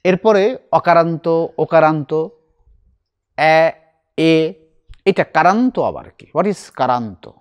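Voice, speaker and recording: A middle-aged man teaching a recitation class, explaining slowly and asking his students questions. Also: a little high, expressive, clean tone.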